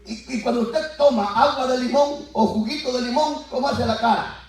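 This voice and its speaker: A pastor preaching an animated Pentecostal sermon to his congregation, acting out biblical voices and building to shouts. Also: very high-pitched, moderate pace, soft background music. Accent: Latin American Spanish. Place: church sanctuary. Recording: echoey church heard from far off. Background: congregation answering.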